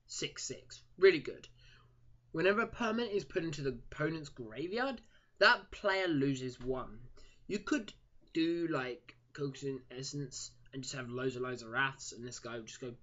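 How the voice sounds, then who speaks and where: Chatty male card reviewer, lively up-and-down delivery, dull lo-fi home recording. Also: a little high. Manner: chatty, stumbles over card names and jokes at himself. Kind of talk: casual card review monologue.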